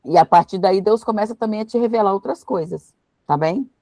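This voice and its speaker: A woman's voice: medium pitch, fairly quick, mellow, dry recording. A woman, teaching a casual Bible study and thinking aloud as she reads verses. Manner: chatty, thinks aloud while reading verses.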